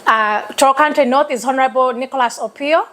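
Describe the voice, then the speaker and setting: A woman from eastern Uganda with a Ugandan accent, a talk show guest who speaks earnestly and deliberately, like giving a speech. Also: high-pitched, a bit bright, poor audio.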